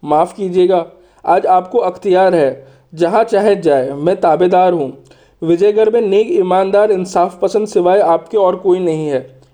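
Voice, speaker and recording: A man's voice: high voice, unhurried, mellow. A man voicing a courteous, shrewd spy in a storybook, polite and persuasive. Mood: polite, reassuring. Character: courteous, shrewd male spy, deferential strategist.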